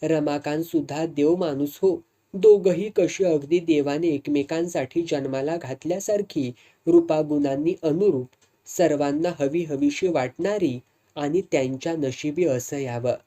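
A woman's voice: sits low, unhurried, dark tone. A woman voicing a proud, firm older sister in a read-aloud story. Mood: earnest. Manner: firm, stern.

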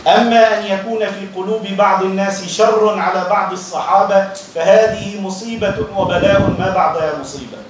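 A man teaches a religious lesson, earnest and admonishing, and slows down to stress his points. His fairly high voice rings through a very echoey room and sounds set back from the mic, with a faint hum of ambience behind. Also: steady tone, distant mic.

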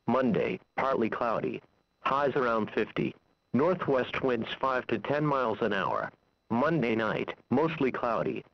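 A man's voice: mid-range voice, slight background noise. Dull lo-fi American male weather radio voice. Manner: weather radio voice, formal and measured synthesized reading. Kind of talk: scripted weather radio bulletin reading.

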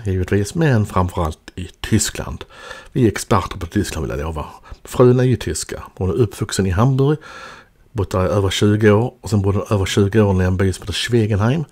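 Narrating a voice-over about his own life and travels, a Swedish man in his fifties keeps things chatty and pokes fun at himself. This vlogger has a lowish, slightly mellow voice.

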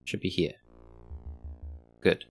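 A man's voice: takes it slowly, faint music behind. A man giving casual, joking let's play commentary as he plays a video game. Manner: laid-back, joking asides. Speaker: gaming video host.

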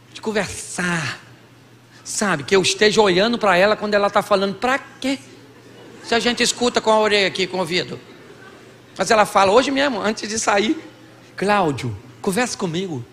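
Gravelly bright-voiced Brazilian pastor preaching. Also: male voice, sits high, big-room sound, a little hiss or hum. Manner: acts out both sides of couples' dialogues, jokey. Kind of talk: comic sermon on marriage. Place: large church hall with audience.

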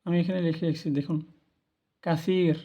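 A man's voice: high-pitched, steady tone, unhurried, dark tone, lo-fi sound. A man giving a spoken language lesson, patiently repeating each word for learners. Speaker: language teacher. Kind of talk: spoken lesson on Arabic pronunciation.

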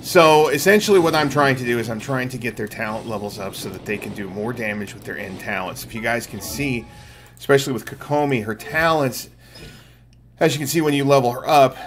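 Brisk and fairly bright, this middle-aged man's mid-range voice comes through with slight background noise. As a game streamer and channel host, he gives relaxed, explanatory commentary and talks with his viewers from an indoor room at home, with game music behind him.

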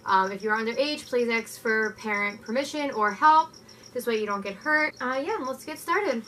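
A young woman giving a relaxed, chatty DIY tutorial with lots of filler words, sitting on her living-room floor and recorded by a camera a few feet away. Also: a little high, moderate pace, slight background noise, rough recording. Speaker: pet care vlogger.

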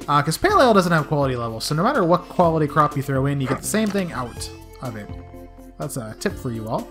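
A woman's voice: deep voice, big pitch swings, fast talker. A young woman with a scratchy voice giving playful, chatty commentary as she hosts a let's play. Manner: playful, chatty, talks to game characters. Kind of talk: casual game commentary. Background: soft game music.

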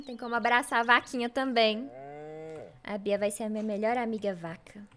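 A young woman with a Brazilian Portuguese accent giving casual, excitable commentary while playing a farm game, squealing over cute animals. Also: a little high, normal speed. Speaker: gaming streamer.

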